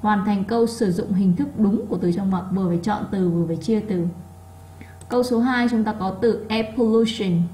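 A woman whose first language is Vietnamese, teaching English and going over a workbook test. She reads words slowly with marked stress so students can repeat them. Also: mid-range voice, mellow, rough recording. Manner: drills pronunciation, reading words slowly with stress. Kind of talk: classroom lesson explanation.

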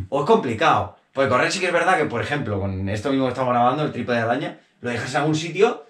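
A man in his thirties from Spain hosting a casual sit-down interview on a sofa, talking in a chatty, animated way with lots of fillers. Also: mid-range voice, quick pace. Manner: chatty, animated, gesturing with hands, many fillers and restarts. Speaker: interviewer, channel host. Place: small bedroom sitting on a sofa. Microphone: camera on a tripod a few feet away. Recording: echoey small room.

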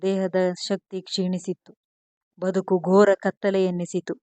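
A woman storyteller giving scripted narration of a serialized love story in a steady, even delivery. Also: medium pitch, normal speed, no echo.

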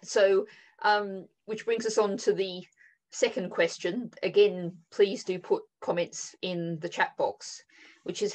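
A woman moderating an online panel discussion over a video call, speaking thoughtfully and haltingly with frequent fillers. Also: on the low side, rough recording. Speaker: webinar moderator.

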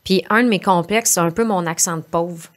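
A woman's voice: fairly low pitch, brisk. A young woman with a Montreal Quebec French accent, chatting as a podcast guest and telling self-mocking stories. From southwest Montreal, Quebec. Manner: self-mocking, animated storytelling. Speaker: guest comedian. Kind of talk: casual podcast chat.

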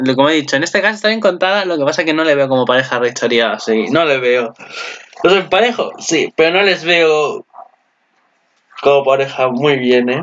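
Man, Spain Spanish accent, excitable reaction commentary, cursing, bright tone, dull lo-fi mic. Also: medium pitch, slight background noise. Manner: gushing and swearing, squeals in delight. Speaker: anime reaction channel host.

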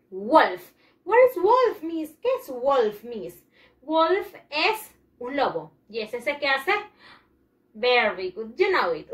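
A woman teaching English to young children in a bilingual lesson, with a sing-song, animated way of talking, acting out pupils' replies. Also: sits high. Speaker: primary school English teacher.

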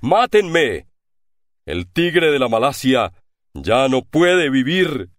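A man's voice: mid-range voice, expressive, unhurried, no echo, studio quality, lightly acted. A man voicing a proud, fierce pirate prince held captive in chains, crying out in desperation. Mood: despairing. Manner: desperate outcries.

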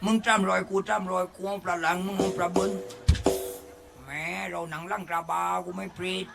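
A man's voice: high voice, fairly even intonation, fairly quick, vocal fry, over loud music. A man with a Southern Thai accent voicing a brash, crude clown puppet who bickers and begs for money. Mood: bickering. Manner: crude bantering, begging and bickering.

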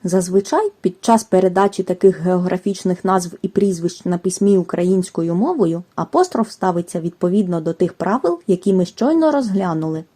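A woman giving a scripted language lesson, reading rules and examples in a careful, measured way. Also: on the low side, animated, warm tone. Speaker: language teacher. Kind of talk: scripted educational narration.

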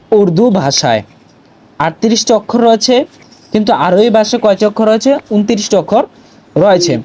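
A man's voice: high voice, darkish tone, low-quality recording. A man giving a recorded language lesson, patiently going through letters one by one, stressing pronunciation and asking viewers to repeat after him. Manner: patient, deliberate letter-by-letter teaching with frequent "to" fillers. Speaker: Urdu teacher.

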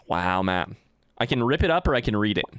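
A man's voice: on the low side, very animated, a little fast, fairly bright tone, clear, resonant tone, no echo, clean studio sound. A man chatting loosely while playing a video game, swearing freely and joking with his chat. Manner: loose and profane, jokey. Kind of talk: casual let's-play commentary. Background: game music.

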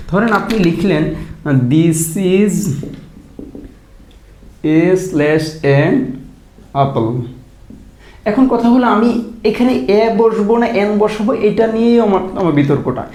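A man with a high voice teaches an English vocabulary lesson. He asks questions aloud, repeats phrases, and stretches words slowly to show pronunciation. His voice rings in a roomy, echoey space. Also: lively intonation, a little mellow. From Bangladesh. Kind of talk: explanatory lesson.

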